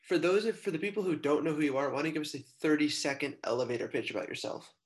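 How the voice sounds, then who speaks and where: A man's voice: fairly high pitch, fast. A man with an American accent asking questions as the host of a casual interview podcast. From San Francisco, United States.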